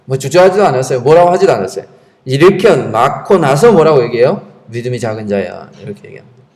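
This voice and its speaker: A man's voice: fairly high pitch, animated, fast, a little mellow. A man preaching a Sunday sermon as pastor, emphatic and asking the congregation rhetorical questions. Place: church sanctuary.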